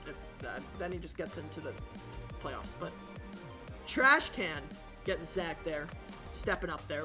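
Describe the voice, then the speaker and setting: A man calling a video game football match play by play, casual and excitable, his voice jumping up on big plays. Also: high voice. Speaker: play-by-play commentator. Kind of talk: esports football commentary.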